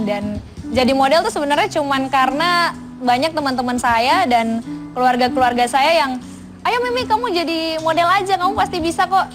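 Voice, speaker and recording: A young woman judge answers questions in a high, polite voice. She speaks measuredly and laughs easily between answers. Music plays under her in the studio. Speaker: judge, talk show guest. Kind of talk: casual interview answers.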